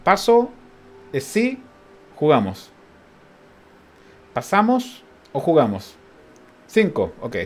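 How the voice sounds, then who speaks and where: A man with a Chilean accent giving casual gameplay commentary as a streamer, thinking aloud, counting out loud and chuckling often. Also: fairly high pitch, huge pitch swings, slow pace, pauses often.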